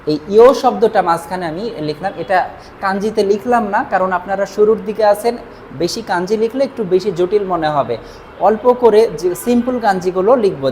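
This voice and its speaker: A woman whose first language is Bengali teaches a language class, writing as she talks and repeating each reading slowly and patiently. Her voice sits at a middle pitch for a woman. A faint hiss of background noise runs under the recording. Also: darkish tone. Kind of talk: whiteboard language lesson.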